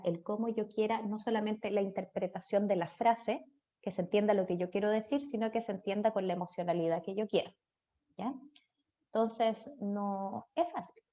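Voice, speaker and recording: Speaking with warmth in a mid-range voice, a Chilean-accented woman lectures online about speech therapy. She keeps it chatty, often tossing tag questions to her students, and the recording sounds dull and lo-fi.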